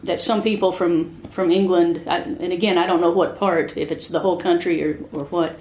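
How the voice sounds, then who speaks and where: An American woman hosting a casual interview, explaining things to listeners in a halting, self-correcting way. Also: fairly low pitch, steady tone, darkish tone, slight background noise. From Arkansas, United States. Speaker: host, interviewer. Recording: echoey room.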